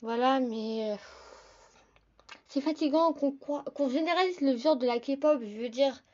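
A young woman hosting a casual solo podcast, talking fast and chatty, often calling her listeners "the guys". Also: high-pitched, a little mellow, highs cut off. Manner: fast, chatty, addresses listeners as "les gars". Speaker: podcast host.

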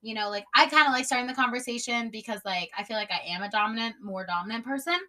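A woman's voice: fairly high pitch, fast talker, bright, forceful tone. A young woman hosting a podcast, telling stories in a blunt, casual way, swearing freely and filling her talk with "like.". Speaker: podcast host. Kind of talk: casual storytelling monologue.

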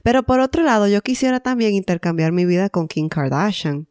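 A woman's voice: mid-range voice, expressive, fairly quick, a little mellow, no echo, studio quality. A woman co-hosting a casual podcast chat, telling stories and laughing often. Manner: chatty, laughs often, storytelling. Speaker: podcast co-host.

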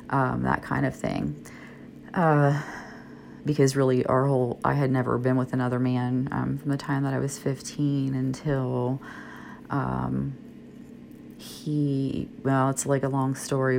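Groggy, low, creaky-voiced middle-aged woman. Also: a little mellow, slight background noise. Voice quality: groggy, sleepy voice. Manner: rambling, hesitant, confiding. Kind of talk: intimate, candid personal monologue. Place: in bed at night, indoors.

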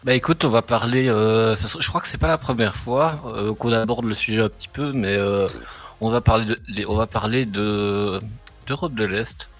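A man's voice: fairly low pitch, normal speed, soft background music. A man co-hosting a radio show in casual chat, hesitant and searching for his words. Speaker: radio co-host presenting music picks.

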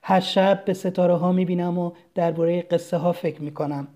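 Storyteller, calm, even, storybook narration, mellow, mid pitch.

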